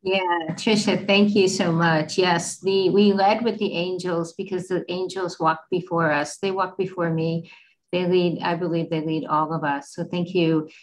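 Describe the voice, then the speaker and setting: A middle-aged woman with a fairly low voice hosts an online event. She introduces speakers informally. The video call carries a faint layer of noise. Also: little pitch movement, unhurried, low-quality recording. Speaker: host and moderator. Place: indoor room with plain wall.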